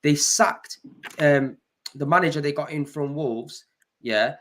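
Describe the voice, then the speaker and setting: Complaining fan, slightly high voice. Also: male voice, takes it slowly. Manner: complains, tags lines with "bro" and "you get me". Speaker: football fan pundit. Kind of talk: casual chat.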